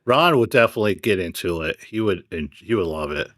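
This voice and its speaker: A man hosting a podcast, telling stories in an animated way and swearing freely in casual chat. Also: low-pitched, brisk. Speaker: podcast host.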